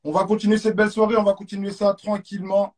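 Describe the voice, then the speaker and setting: A quick-paced French host with a high-pitched, darkish voice and level tone leads a live stream quiz. Amped up, he keeps repeating catchphrases and throws in English exclamations, recorded on a phone or webcam.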